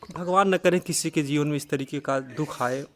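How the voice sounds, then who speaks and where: A high-pitched man conducts a news-style interview. He speaks earnestly and sympathetically, steering the conversation with questions and commentary. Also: normal speed.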